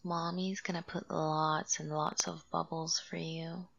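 Woman as a doting mother figure: low, gravelly, very slow and soothing. Slips into whispers. Dull lo-fi recording. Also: flat delivery, slight background noise, exaggerated voice. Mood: coaxing. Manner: slow, soothing, coaxing with soft laughs. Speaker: audio roleplay performer. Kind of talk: soft-spoken audio roleplay, half whispered.

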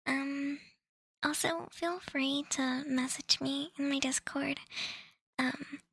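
A young woman whispering softly close to the mic, rambling and apologetic, with many pauses and ums as she updates her listeners. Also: high voice, steady tone, dry recording. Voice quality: soft whisper. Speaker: audio creator updating listeners.

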